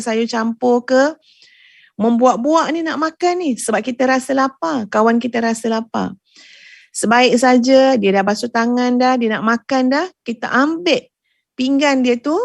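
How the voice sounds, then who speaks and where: A woman religious teacher from Malaysia gives an earnest sermon to her audience, repeating phrases for emphasis. Her voice is a little high, and the recording is dry.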